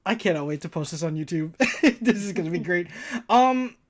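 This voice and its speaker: A man's voice: high voice, animated, normal speed. A young man hosting a casual interview stream, rambling through stories with many fillers and giggles.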